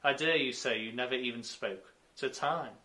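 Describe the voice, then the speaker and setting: A man's voice: mid-range voice, moderate pace, pushed and bright, close to an everyday voice. A man reading a snappish mad hatter. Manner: snappish and contemptuous. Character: rude eccentric male hatter at a tea party. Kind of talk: storybook reading.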